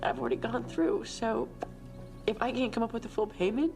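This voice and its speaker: An actress playing a coolly manipulative, seductive lover in a television crime drama, her voice sometimes breathy. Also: on the high side, animated, fairly quick, over music. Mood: pleading, calculated.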